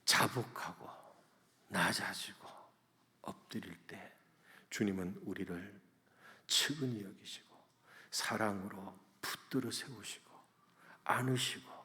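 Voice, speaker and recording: A man preaching a sermon as pastor, rising to loud emotional cries and falling back to soft, hushed lines. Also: on the low side. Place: church sanctuary. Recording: long church reverb.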